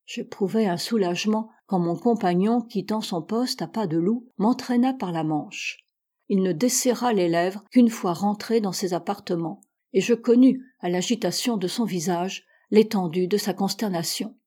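A woman reading a classic mystery story aloud as narrator, in a measured storytelling manner. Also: medium pitch, mellow, slightly rough. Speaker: audiobook reader. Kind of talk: literary narration.

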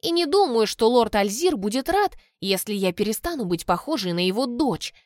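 A bold young heroine answers back with crisp, mocking words, played by a woman narrator. Her pitch moves lively, and the sound is dry and close, as in an audiobook. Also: moderate pace, no room sound. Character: defiant, sharp-tongued young heroine. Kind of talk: audiobook reading.

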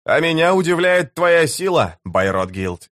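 A man's voice: a little high, big pitch swings, measured pace, a bit bright, no echo, studio quality, pitched above the performer's own voice. Karsa, a man voicing a fierce young warrior chief. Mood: commanding. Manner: bold, declaiming, commanding.

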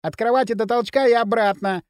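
A man voicing an excitable young lad telling a story in a lively rush. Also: very high voice, fairly quick, no room sound, clean studio sound, voice pushed up. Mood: animated.

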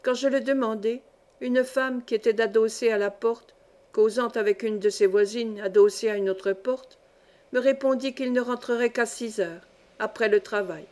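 A woman's voice: a little high, fairly even intonation, moderate pace, darkish tone. Woman reading a classic novel aloud. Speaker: audiobook reader. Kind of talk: scripted narration.

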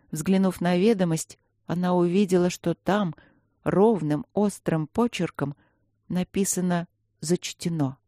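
An audiobook reader narrating a fantasy story in a measured way. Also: medium pitch, dark tone, no room sound, studio quality. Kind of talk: scripted narration.

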